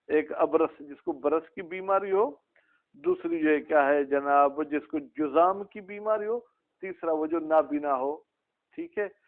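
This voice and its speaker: A male religious teacher giving a classroom lesson, asking his students questions by name. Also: a little high. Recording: tinny phone-like sound.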